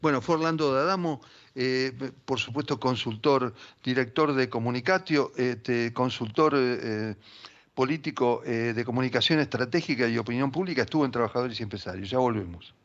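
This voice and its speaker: A man's voice: mid-range voice, moderate pace, lo-fi sound. A man with an Argentine accent hosting a radio interview in a conversational, agreeable way. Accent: Argentine Spanish. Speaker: radio host.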